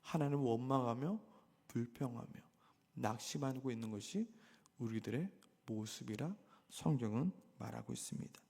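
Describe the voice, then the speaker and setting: Impassioned preacher in a reverberant hall. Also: male voice, moderate pace, gravelly, slightly rough. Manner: impassioned, swinging from loud emphatic peaks to hushed low passages; rhetorical questions to the congregation. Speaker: pastor. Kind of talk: sermon.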